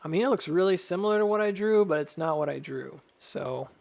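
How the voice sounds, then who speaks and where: Higher-voiced man with a whistling s. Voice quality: whistling s sounds. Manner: measured, thinking aloud, cautious hedging. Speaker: stock chart analyst addressing viewers. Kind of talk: casual technical chart commentary.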